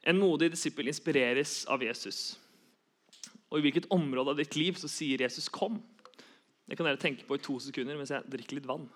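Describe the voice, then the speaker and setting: A man's voice: on the high side, a bit bright. A young man giving an earnest sermon, repeating key phrases for emphasis. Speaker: preacher.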